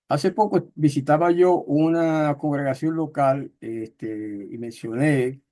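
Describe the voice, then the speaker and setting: A man teaching a Bible study, explaining words step by step and slowly reading out text in another tongue, with many fillers and checks on his listeners. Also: mid-range voice, darkish tone. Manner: slow, careful reading of Hebrew text.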